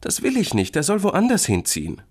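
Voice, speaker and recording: A man voicing a small, stubborn, easily scared boy in a children's story, high and whiny. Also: huge pitch swings, brisk, darkish tone, breathy edge, heavily acted. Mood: anxious.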